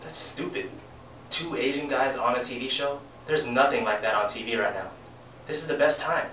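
A man's voice: medium pitch, normal speed, sharp tone. A young man acting in an amateur student skit as a frustrated actor at an audition. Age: young adult. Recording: roomy, distant, faint noise.

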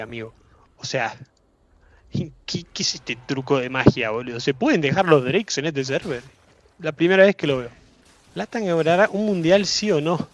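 A man with a Rioplatense Spanish accent giving excitable live gameplay commentary as a streamer, swearing casually and repeating his phrases. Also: a little high.

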